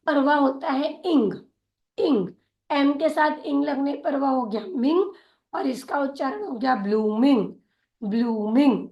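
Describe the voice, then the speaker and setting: A woman teaching a phonics lesson, spelling words out letter by letter and repeating each word twice, slowly and patiently. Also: high voice, reverberant. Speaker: English teacher.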